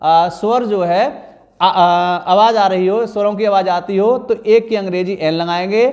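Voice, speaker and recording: High-voiced slow-speaking male teacher. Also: steady tone, darkish tone, muffled recording. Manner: drawn-out, repeats answers to pupils. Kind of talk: classroom grammar lesson.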